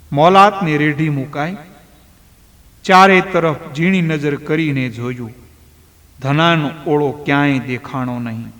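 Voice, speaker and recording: A man telling a devotional folk story in a slow, measured storytelling manner. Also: fairly high pitch, a bit bright. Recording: long hall reverb.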